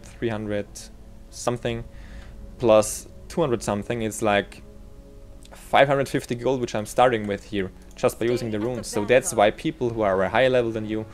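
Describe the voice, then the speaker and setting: A man from Austria with an Austrian German accent gives a casual game tutorial, rambling a little and correcting himself as he works out the numbers. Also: mid-range voice.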